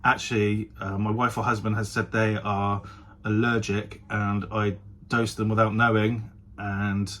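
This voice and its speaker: Flat in delivery and a little slow, his fairly low voice has a bit of brightness. He's vlogging casually to camera in a chatty way, hedging claims and self-correcting often.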